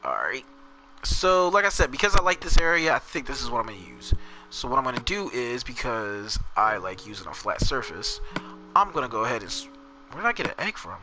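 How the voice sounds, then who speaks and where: This gamer streamer from New Jersey talks in a brisk, very animated, medium-pitched voice with a New Jersey accent. He rambles casually, narrating his own play and chatting with viewers, with game music running under his speech.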